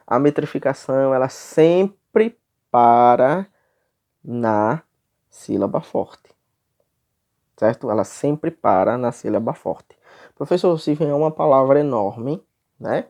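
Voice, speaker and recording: A man with a Brazilian accent teaching a high school class, explaining step by step and often checking in with his students. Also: mellow. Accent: Brazilian Portuguese. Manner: explanatory, checks in with frequent tags. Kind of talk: classroom lecture.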